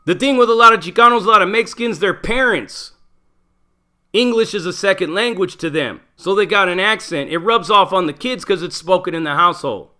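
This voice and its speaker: A man's voice: sits high, a little fast, bright, forceful tone. A middle-aged man, a former prisoner, talking bluntly in a casual monologue full of profanity and street slang. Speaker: channel host, former prisoner.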